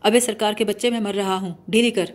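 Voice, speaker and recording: A woman's voice: medium pitch, steady tone, natural voice. Woman reading a blustering pompous young man. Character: bumbling eccentric young man, mock-serious.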